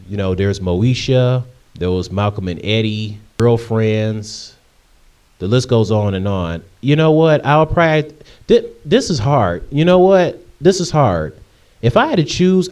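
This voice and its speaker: Medium in pitch with a darkish tone, this voice belongs to a late-twenties man from Michigan, USA. He fields viewer questions in a relaxed Q&A vlog, talking in a loose, rambling style full of ums and false starts.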